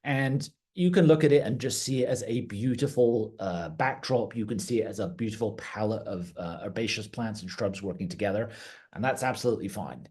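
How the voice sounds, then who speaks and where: Middle-aged man, garden director, low husky voice, casual teaching tone. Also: fairly quick, darkish tone. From outside the United States. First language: English. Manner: conversational, plain-spoken, occasional fillers and restarts. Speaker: garden director giving a talk. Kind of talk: educational talk.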